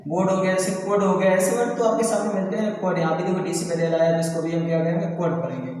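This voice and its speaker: A man's voice: high-pitched, fast, darkish tone, a little hiss or hum. A man teaching an English pronunciation lesson, repeatedly quizzing his students and addressing them affectionately as children. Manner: repeats questions to students, calls them beta. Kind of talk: classroom lesson on silent letters. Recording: echoey classroom from far off.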